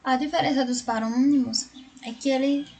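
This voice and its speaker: Brazilian woman teaching, gravelly tone. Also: high voice, steady tone, normal speed, a little mellow. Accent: Brazilian Portuguese. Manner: explanatory, frequent tag questions. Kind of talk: recorded online class.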